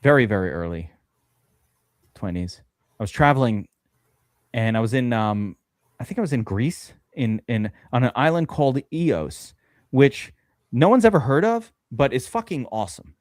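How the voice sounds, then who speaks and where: A man from the USA hosts a live fantasy football draft stream, chatting casually and rambling through a long story full of curses and filler words. His medium-pitched voice swings widely in pitch, moving at a moderate pace with long pauses. The recording is dry and sounds clean, like a studio.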